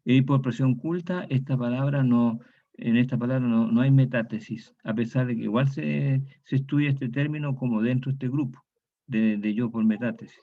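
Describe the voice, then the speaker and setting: A man's voice: medium pitch, moderate pace. A man teaching a class on historical grammar, repeating each key word and often tagging his statements with a question. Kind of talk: online lecture on historical grammar. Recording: dull lo-fi recording.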